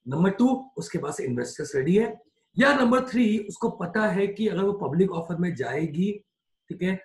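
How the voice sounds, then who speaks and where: A male teacher giving a lecture in Hindi mixed with English, slowing down to dictate points and often asking whether it is clear. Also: fairly high pitch, a little mellow, reverberant. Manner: slows down to dictate points word by word. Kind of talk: classroom lecture.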